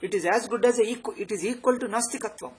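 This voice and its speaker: A man with a South Indian accent gives an extempore philosophy lecture as a spiritual teacher, emphatic and repeating phrases to drive points home. His voice sits high and he talks fast against a noisy background.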